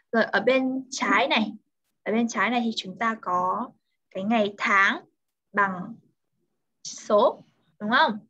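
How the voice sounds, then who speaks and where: A woman's voice: fairly high pitch, fairly bright tone, muffled recording. A woman with a Vietnamese accent tutoring English, patiently explaining words. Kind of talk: online English lesson.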